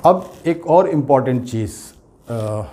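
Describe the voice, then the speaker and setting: Slow, patient male grammar teacher with Urdu accent. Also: medium pitch, expressive, warm tone, slight background noise. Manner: slow, patient explaining, spelling words out letter by letter. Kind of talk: classroom grammar lesson.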